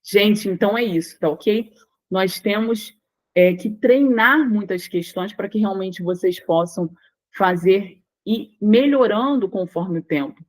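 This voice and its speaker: A woman's voice: mid-range voice, unhurried, low-quality recording. Brazilian woman teaching, stressing syllables. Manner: explains step by step, stressing syllables, checks in with "tá?" and "né?". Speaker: Portuguese language teacher. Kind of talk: online exam-prep lesson.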